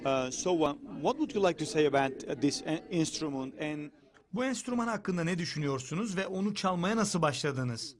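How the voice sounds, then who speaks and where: A man's voice: a little high, animated, moderate pace. A young man, a native Turkish speaker, interviewing guests on location for television. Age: young adult. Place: indoor cultural center event rooms. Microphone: handheld microphone.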